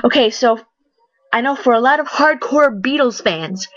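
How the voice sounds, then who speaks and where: A woman's voice: fairly high pitch, moderate pace, a bit bright, no room sound, dull audio. A woman giving a casual, opinionated spoken review, blunt and chatty, with lots of fillers and restarts. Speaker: vlogger reviewing a TV talent show.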